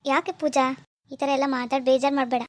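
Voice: sits high, level tone, quick pace, dry recording, natural voice. A performer playing a young rich man's son who hid his wealth, coaxing and pleading with his fiancée on the phone. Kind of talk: amateur phone-call drama.

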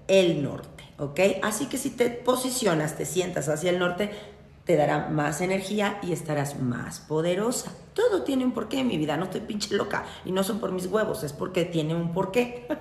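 A young Mexican woman teaching a witchcraft ritual in a chatty, teasing way, full of slang and quick laughs. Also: lowish voice, creaky, reverberant. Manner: chatty and salty, teasing her viewers with slang; laughs often at her own jokes. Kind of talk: casual spoken ritual tutorial.

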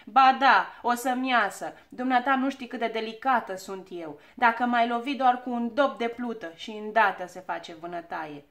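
A woman's voice: fairly high pitch, animated. A woman playing a whiny, vain little girl. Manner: whiny, pouting. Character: fussy vain little girl, easily upset. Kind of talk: storybook reading.

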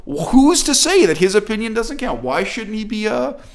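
Man, middle-aged, gravelly, emphatic opinionated talk, from canada. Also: high voice, fairly quick. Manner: animated, emphatic, critical. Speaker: host. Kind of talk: opinionated discussion.

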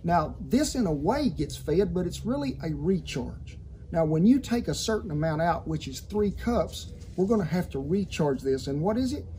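Speaking through a lavalier clipped to his shirt, a man in his sixties with a Southern American accent hosts a cooking tutorial at an outdoor patio kitchen in a yard. Folksy and colorful like a cowboy storyteller, his warm, fairly high voice is expressive at a moderate pace, with a little hiss or hum.

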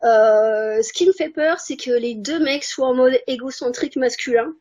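A woman's voice: sits high, moderate pace, a little mellow, highs cut off. A woman being interviewed over a video call, talking frankly and playfully. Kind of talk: casual interview.

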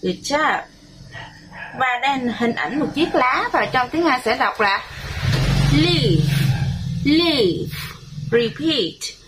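Her voice sits high and sounds expressive as this Vietnamese-accented primary English teacher leads children through a bilingual class. She drills them slowly and clearly in repeat-after-me style while background noise carries on.

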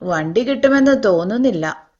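A woman's voice: medium pitch, expressive, moderate pace, darkish tone, highs cut off, close to an everyday voice. A woman voicing an impatient, anxious male passenger in a hurry.

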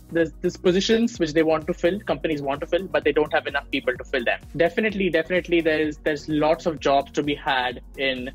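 Talking over a video call from a small room at home on earbuds, a young Indian man, a machine learning engineer guest, explains his field in a casual interview, with frequent fillers and restarts. His voice sits on the high side, and the highs are cut off.

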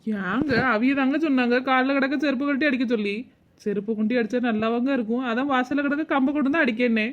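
A woman's voice: high voice, fast talker, muffled recording, lightly acted. A woman voicing a cheeky, lazy young wife, always hungry and talking back. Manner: cheeky, talks to herself, sweetly impudent. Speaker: lead character. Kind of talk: cartoon comedy voice acting.

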